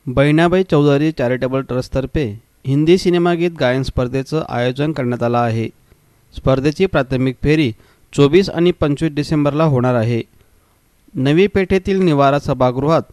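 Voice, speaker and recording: Crisp, dry male news voice-over. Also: on the high side, no room sound. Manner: even, formal reading. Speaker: news reader.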